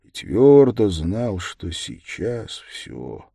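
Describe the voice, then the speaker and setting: A man narrates an audiobook in a measured way, sinking low and quiet on the reflective lines. His voice sits low but moves a lot in pitch. The recording is dry and close. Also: big pitch swings, creaky, husky, dry recording. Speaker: audiobook reader. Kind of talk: scripted narration.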